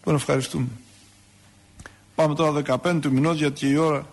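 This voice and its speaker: A man's voice: a little high, fairly even intonation, vocal fry. A male priest giving a sermon on saints' lives, in a conversational way with asides and rhetorical questions.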